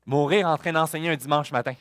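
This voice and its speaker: A male pastor delivers a sermon. He has a fairly high voice and an earnest style, dropping to hushed warnings and then rising to emphatic declarations. The close mic is dry, with little room sound. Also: steady tone, fast talker, smooth, dry recording.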